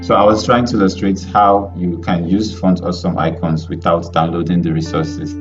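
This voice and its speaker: A male web development instructor teaching a live online lesson over a group voice call, talking in a halting way with many fillers and restarts. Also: low-pitched, level tone, lo-fi sound, soft background music. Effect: heard over an online group voice call.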